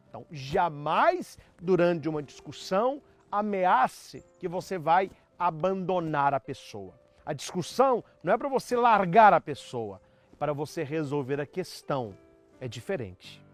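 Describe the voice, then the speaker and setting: A man's voice: sits high, no room sound. A man preaching as a priest, delivering an emphatic sermon with acted-out quotes. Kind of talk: sermon on marriage.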